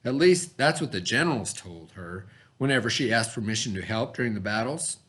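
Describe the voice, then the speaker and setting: A man with a lowish voice reads briskly in the manner of a teacher. His delivery is expressive and instructive, including questions and simple explanations meant for pupils.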